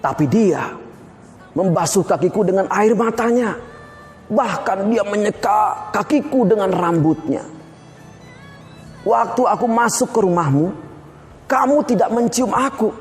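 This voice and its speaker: A man voicing Jesus as a gentle teacher in a children's Bible story, speaking calmly and patiently. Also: high voice, unhurried, pauses often, soft background music. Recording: long hall reverb.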